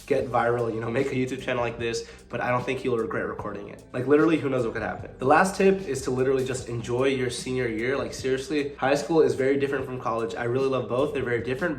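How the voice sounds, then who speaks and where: A young man with a sick voice giving rapid-fire, upbeat college application tips in a casual vlog. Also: medium pitch, roomy sound. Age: young adult. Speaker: college admissions advice vlogger.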